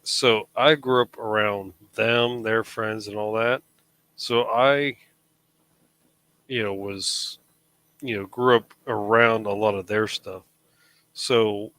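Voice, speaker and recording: A man's voice: on the low side, pushed and bright, rough recording. A man in his thirties chatting casually on a live show, rambling with frequent restarts. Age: 30s. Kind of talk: casual chat.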